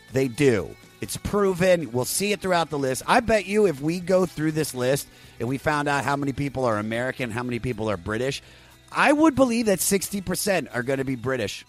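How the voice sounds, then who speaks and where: Excited profane podcast host, faint music. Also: male voice, medium pitch. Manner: enthusiastic, profane, rambling storyteller. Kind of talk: casual podcast intro.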